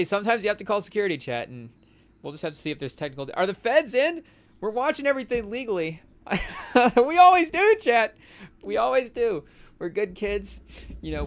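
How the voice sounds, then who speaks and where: A young man co-hosting a podcast, talking basketball in a loose, rambling way with lots of fillers and asides to a live chat. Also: fairly high pitch. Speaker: podcast co-host. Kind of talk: casual sports talk to a live chat. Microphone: studio mic on a live stream.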